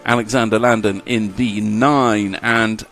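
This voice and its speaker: A man's voice: lowish voice, fairly even intonation, a little slow, a bit bright, faint music behind. A man doing live race commentary, chatty and jokey as he reads out lap times.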